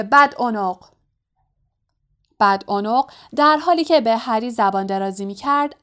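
A woman reads a fantasy novel aloud in a steady narrating voice of middle pitch. She moves the story along at an even pace. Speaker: audiobook narrator.

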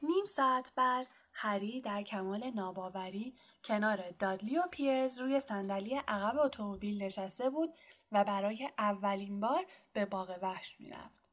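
A woman narrating an audiobook in a steady, measured reading style. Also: mid-range voice. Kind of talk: scripted storybook narration.

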